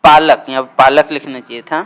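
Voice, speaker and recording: A man teaching a grammar lesson, dictating words slowly and repeating them for students to write down. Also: mid-range voice, fairly even intonation, fairly bright tone, smooth.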